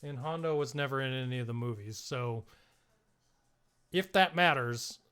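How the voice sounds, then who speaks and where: A man co-hosting a podcast, talking casually and easily with frequent chuckles. His voice is smooth and clear. He sounds relaxed and conversational. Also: medium pitch, normal speed. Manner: chatty, chuckles often, reacts to chat. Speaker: podcast co-host. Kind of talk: casual chat.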